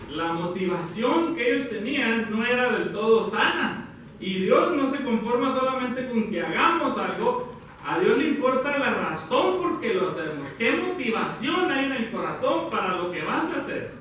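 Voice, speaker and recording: A man preaching a sermon, talking warmly to the congregation as brothers and sisters, pausing and correcting himself as he goes. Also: very high-pitched, big pitch swings, slight background noise. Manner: addresses listeners as brothers, halting with self-corrections. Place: church hall. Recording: very echoey hall, from far off.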